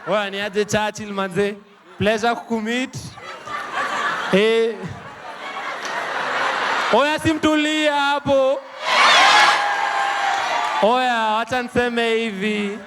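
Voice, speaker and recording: Shouty man in Kenyan Sheng slang. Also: very high-pitched, takes it slowly, long pauses. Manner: street slang, shouty and playful. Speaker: audience member. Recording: very loud crowd and noise.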